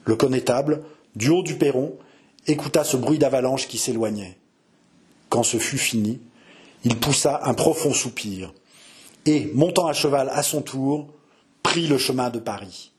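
Male narrator, mid-range pitch, measured and dramatic audiobook reading. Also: a little mellow.

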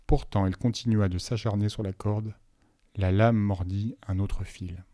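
Low-voiced man reading a novel aloud. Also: steady tone, normal speed, warm tone, no room sound, studio quality. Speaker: audiobook reader. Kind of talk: audiobook narration of a novel.

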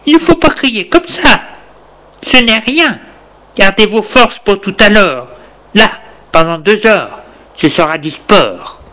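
A man voicing a stout, cheerfully sadistic female nurse who gloats slowly. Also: high voice, lively intonation, pushed and bright, pitched above the performer's own voice, heavily acted. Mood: coaxing. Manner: gloating, slow and relishing.

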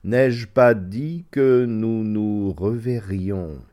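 A man's voice: lowish voice, dark tone. A man playing a cold scornful stranger. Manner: slow, cold, mocking.

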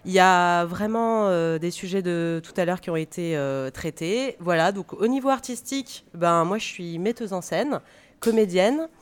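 A woman's voice: fairly low pitch, expressive, moderate pace, clean tone. A woman speaking conversationally as a radio panel guest, often searching for her words. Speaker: guest, stage director and drama teacher.

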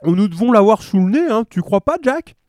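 Guy reading a story doing hungry cops mumbling with food in their mouths, voice jumps higher, loud and bouncy. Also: very animated, normal speed, no echo, clean studio sound. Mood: gruff. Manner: mumbling, chewing, casual. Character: hungry policemen, talking with full mouths.

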